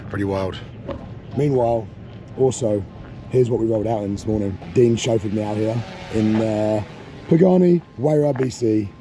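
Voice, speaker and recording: A man's voice: lowish voice, normal speed. A man vlogging at an airfield, talking casually and joking with laughs between lines. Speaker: car vlogger. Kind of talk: casual vlog chat. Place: outdoors at an airfield near cars. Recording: outdoor vlog with clear background noise.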